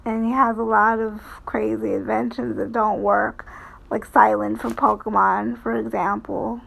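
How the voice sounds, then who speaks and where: Slow, creaky-voiced woman chatting hesitantly. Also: a little high, flat delivery, fairly bright tone, poor audio. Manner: halting, hesitant, trailing phrases. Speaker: VTuber streamer. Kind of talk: casual rambling commentary on cartoons.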